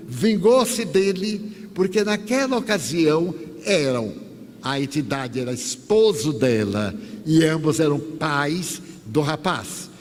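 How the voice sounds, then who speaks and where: An older man from Bahia with a Bahian accent, a spiritist lecturer, telling a story in an animated, wry, anecdotal way. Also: high voice. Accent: Bahian Portuguese. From Bahia, Brazil. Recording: echoey hall, faint noise.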